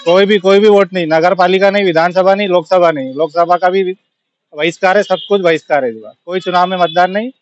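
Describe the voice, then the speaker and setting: High-voiced indignant shopkeeper, lo-fi. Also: male voice, fast, soft background music. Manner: indignant, emphatic complaining. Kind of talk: street interview.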